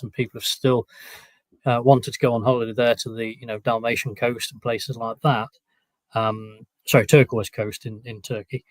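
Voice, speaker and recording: A man gives an expert answer on a panel, hedging as he goes and pausing on ums and repeated words. The recording is very dry, with no sense of the room. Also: mid-range voice, no echo. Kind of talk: discussion answer.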